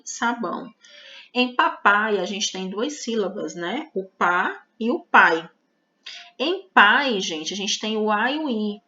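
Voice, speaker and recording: Bright-voiced woman teaching grammar. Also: medium pitch. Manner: explains step by step, checking in with "né?" and "tá bom?". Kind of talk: grammar lesson. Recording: slightly dull, lo-fi audio.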